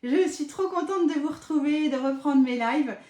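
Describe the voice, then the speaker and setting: A woman's voice: sits high, moderate pace, darkish tone. Chatty Frenchwoman teaching crafts live. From western France. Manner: chatty, playful, frequent hesitations and laughs. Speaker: paper craft demonstrator. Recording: echoey room.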